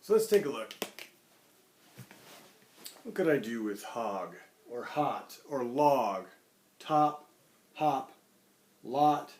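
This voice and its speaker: A man teaching a writing lesson to young children, explaining things simply and deliberately. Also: medium pitch, animated, darkish tone. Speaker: primary school teacher. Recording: echoey room.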